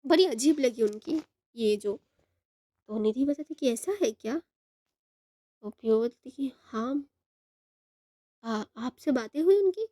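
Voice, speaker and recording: A young woman telling a love story in a chatty, halting way. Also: a little high, expressive, mellow, dry recording, studio quality. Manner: chatty, halting, retells both sides of the phone call. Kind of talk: storytelling narration.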